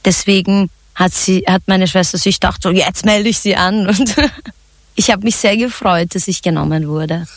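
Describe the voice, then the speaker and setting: A woman from Turkey, a singer and songwriter, answering radio interview questions in a relaxed, chatty way with frequent laughs and fillers. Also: mid-range voice, normal speed, no echo.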